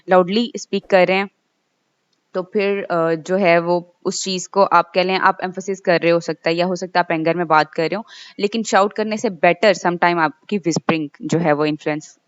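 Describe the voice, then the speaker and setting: A woman delivers a recorded lecture in a lowish voice. She reads English passages slowly, then explains them in a loose way, often checking with the class. The recording is dull, lo-fi and dry. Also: fairly even intonation, clear, resonant tone, dry recording.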